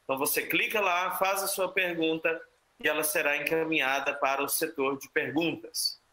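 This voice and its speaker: A man with a Brazilian Portuguese accent moderating a seminar, making measured, courteous announcements over an online call. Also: fairly high pitch, fairly even intonation, bright, forceful tone. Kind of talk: formal event moderation. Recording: echoey room.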